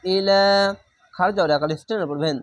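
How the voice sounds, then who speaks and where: A man teaching Quran reading step by step. He draws each Arabic word out slowly, says it twice, then patiently explains how to pronounce it. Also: high-pitched. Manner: stretches Arabic words slowly, then explains the rules plainly. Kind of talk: step-by-step recitation lesson.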